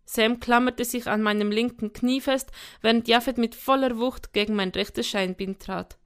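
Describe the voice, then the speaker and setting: A woman reading a first-person story aloud in a lively, expressive way. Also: on the high side, normal speed, smooth. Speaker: audiobook reader. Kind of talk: first-person scripted narration.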